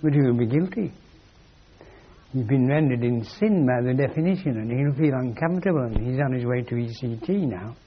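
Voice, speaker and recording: A man's voice: medium pitch, expressive, a little fast, slight background noise. A man giving a philosophical lecture in a wry, emphatic way, on a dull lo-fi recording. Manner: wry, emphatic, acts out quoted voices.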